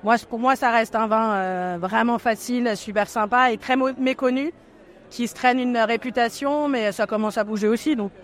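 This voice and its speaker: A woman's voice: a little high, normal speed. A woman with a Flemish accent, answering casual interview questions hesitantly, full of fillers.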